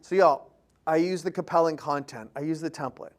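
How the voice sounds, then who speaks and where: A man's voice: a little high, fairly quick. A man giving a motivational seminar talk on selling, telling stories with energy and firing questions at the audience in short, punchy phrases. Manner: punchy short phrases, acts out quoted dialogue. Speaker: public speaking and sales trainer.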